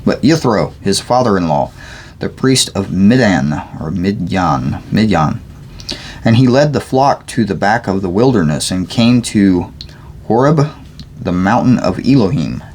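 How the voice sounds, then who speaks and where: A man's voice: fairly low pitch, expressive, normal speed, a little mellow, slight background noise. A sleepy man reading scripture aloud, stumbling over names and adding joking asides. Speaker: Bible reader.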